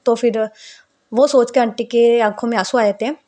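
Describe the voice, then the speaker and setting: Chatty female storyteller, relaxed narration with a slightly high voice. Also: normal speed. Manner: chatty, keeps checking in with the listener.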